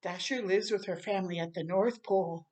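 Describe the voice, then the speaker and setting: A woman with a fairly low pitch reads a children's story aloud at a brisk pace. She reads expressively, adding animated asides and questions for her young listeners.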